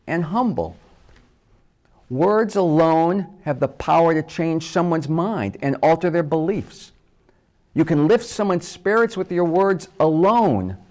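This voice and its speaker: A man hosting a scripted talk on wordplay, playfully spelling out letters slowly for emphasis. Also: a little high, darkish tone. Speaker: host.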